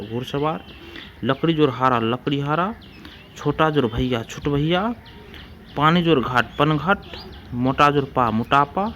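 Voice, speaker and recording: A man's voice: on the high side, fairly bright tone, a little hiss or hum. A man teaching an exam-prep grammar lesson, repeating rules and examples and calling his listeners friends.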